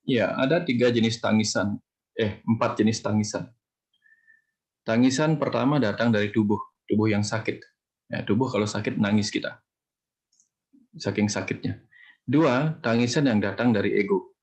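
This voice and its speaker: A man from Bali giving a calm spiritual talk, explaining things step by step and teaching through parables. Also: on the low side. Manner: measured, explanatory, uses parables. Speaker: spiritual teacher answering questions.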